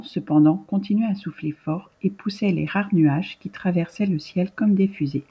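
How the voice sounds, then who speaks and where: Husky woman reading a storybook. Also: medium pitch, lo-fi sound. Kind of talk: scripted storybook narration.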